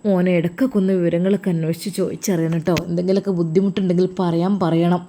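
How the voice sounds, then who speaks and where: A woman voicing an old religious teacher who is tender and fatherly, speaking in a hushed, slow way. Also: lowish voice, flat delivery, slight background noise, close to an everyday voice. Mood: tender, blessing.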